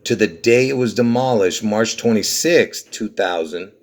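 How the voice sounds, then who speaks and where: A man's voice: on the low side, unhurried. Rambling, insistent man walking through numbers. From Lebanon. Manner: rambling, insistent, repeats numbers, frequent "okay?" and "you see?". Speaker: video host. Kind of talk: conspiracy numerology video walkthrough.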